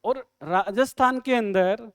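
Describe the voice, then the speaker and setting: Male English tutor, high and crisp, quizzes the class with jokes. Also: a bit bright, no room sound, studio quality. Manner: quizzing students with quick questions and jokes. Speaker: English teacher. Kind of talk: live online exam-prep lesson.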